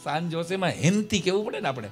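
A man telling comic stories on a live stage, acting out dialogue in lively voices. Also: high voice, fast, faint music behind. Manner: animated, acts out dialogues, bursts of laughter. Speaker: stand-up comedian and storyteller. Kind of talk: live stage comedy storytelling.

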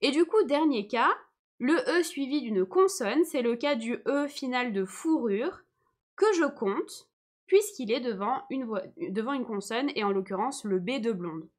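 A woman's voice: a little high, lively intonation, a little slow, darkish tone. A young woman teacher giving a live online lesson, explaining patiently and often checking that her viewers follow.

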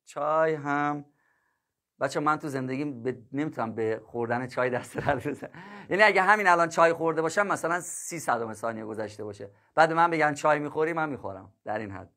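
A male math teacher's voice, on the high side and a bit bright, comes through a casual livestream. He chats with his students, jokes and laughs, and refers to them as kids and dear ones.

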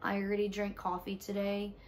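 A young woman with a raspy, stuffy voice from allergies, chatting casually to viewers in a home vlog, tired. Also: medium pitch, completely flat delivery, fairly quick, a little hiss or hum. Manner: chatty, talks to viewers while ordering online. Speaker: vlogger, mother. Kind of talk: casual day-in-the-life vlog. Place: home, indoors.

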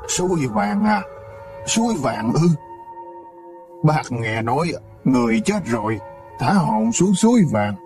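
Man doing a tearful old rich father, pleading tone, swooping pitch, slow delivery, music underneath. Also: big pitch swings, a little mellow. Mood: bewildered. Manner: pleading, lamenting. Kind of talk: storybook role reading.

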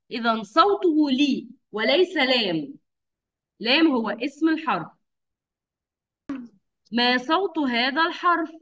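A kindergarten teacher with a high, very lively voice leads a lesson for young children, patiently sounding out each syllable slowly and drawn out. She praises often, and the audio is dull and lo-fi, like a video call.

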